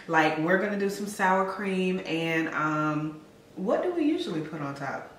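Playful woman, slow and sing-song. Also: far from the mic, a little hiss or hum. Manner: chatty and playful, lively pitch. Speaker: co-host cooking. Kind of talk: casual cooking vlog chat. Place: home kitchen, indoors. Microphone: camera mic from a few feet away. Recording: echoey kitchen, off the mic, soft music.

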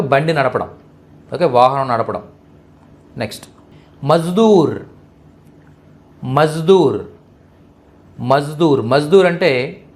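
A man teaching Hindi vocabulary, slowly repeating each word and checking that the listener understands. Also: on the high side. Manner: slow, repetitive, checks understanding with questions. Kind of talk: vocabulary lesson explained in Telugu.

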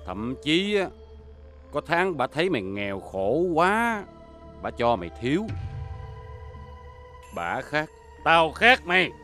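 A man's voice: fairly high pitch, sing-song, slow pace, pauses often, bright, forceful tone, soft background music, full character voice. An actor playing a menacing male moneylender who bullies and threatens a poor debtor in a TV crime drama. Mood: threatening. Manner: threatening, bullying, leering. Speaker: loan shark.

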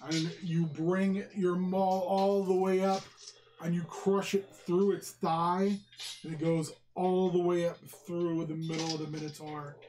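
A man's voice: sits high, little pitch movement, a little slow, a little mellow, rough recording. A man running a tabletop roleplaying game as dungeon master, telling the action in vivid descriptive detail among friends. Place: small room around a crowded table.

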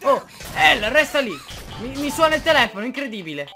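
A man giving excitable, joking commentary over a video game, reading subtitles aloud and exclaiming often. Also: extremely high pitch, fairly quick, faint music behind. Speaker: gameplay commentator. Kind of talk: casual let's-play commentary.

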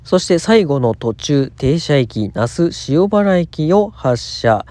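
Mellow-voiced male travel narrator. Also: a little high, very animated, slow pace, no room sound. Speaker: narrator of a train travel vlog.

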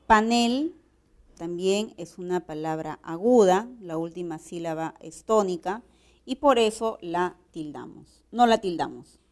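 Slow-paced Peruvian woman teaching grammar. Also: lowish voice, animated. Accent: Peruvian Spanish. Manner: slow and explanatory, checks with rhetorical questions. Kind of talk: grammar lesson.

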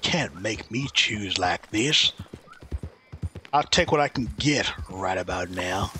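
A man's voice: on the low side, expressive, takes it slowly, sharp tone, slight background noise. A Texan man chatting loosely and joking while streaming a game, reading viewers' chat aloud. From Texas.

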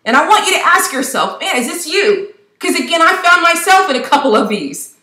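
Fervent high-voiced woman preaching. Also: big pitch swings, fairly quick, pushed and bright, roomy sound. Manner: fervent, preachy, rhetorical questions. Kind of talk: impassioned devotional talk to camera.

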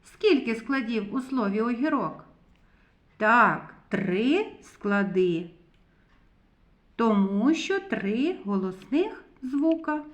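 A woman leads a reading lesson for small children, pronouncing each syllable with slow, careful articulation. Her somewhat high voice rises and falls a lot. The sound is dull and lo-fi, in an echoey room. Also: expressive. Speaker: kindergarten teacher.

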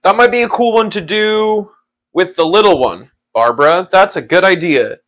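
Chatty, rather high-voiced male streamer. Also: normal speed. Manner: relaxed, rambling, laughs often, talks to chat. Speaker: livestream host. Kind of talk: casual livestream chat.

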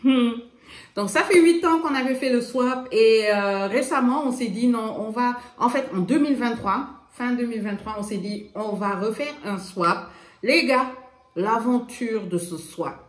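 A woman from Senegal excitedly shows viewers a gift swap parcel in a casual unboxing vlog, exclaiming and addressing them directly while dropping English phrases into her speech. She has a slight lisp from a dental appliance, a fairly high pitch, and an unhurried pace. The recording has a roomy echo and faint noise.

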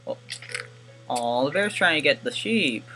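A man's voice: on the high side, lively intonation, unhurried, pushed and bright. A man giving casual gameplay commentary, rambling and correcting himself with wry asides, recorded on a desk mic with faint hiss. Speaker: gaming YouTuber.

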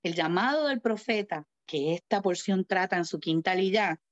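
A woman's voice: mid-range voice, normal speed, no room sound, lo-fi sound. A woman preaching a sermon and acting out the voices of the people in her stories. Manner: animated storytelling, acting out quoted voices.

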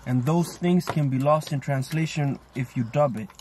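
Slight background noise sits under this man's fairly high, somewhat mellow voice as he speaks at a moderate pace. He's a food vlog co-host chatting casually while eating, rambling thoughtfully and filling his musings with lots of fillers.

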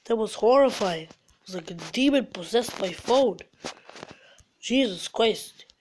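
A woman's voice: a little high, lively intonation, unhurried, slight background noise. A woman who is sick, commentating her phone game and swearing at it as the game glitches, recorded on the phone's own mic. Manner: frustrated, swearing, yelling at the game. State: sick, congested. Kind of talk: mobile gameplay commentary. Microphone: phone's built-in mic.

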